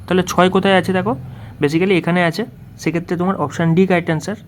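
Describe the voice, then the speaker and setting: A man with a slightly high voice works through exam questions as a tutor. He explains each step and keeps asking the student what comes next. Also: steady tone, racing, a little hiss or hum. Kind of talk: worked-solution lesson.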